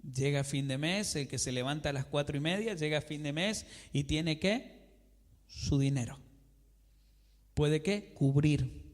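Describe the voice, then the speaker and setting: A man's voice: fairly high pitch, unhurried, pauses often. A man preaching a sermon in a church, who asks his congregation questions and answers them himself and acts out conversations between a believer and God. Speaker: pastor. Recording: long reverb of a church hall.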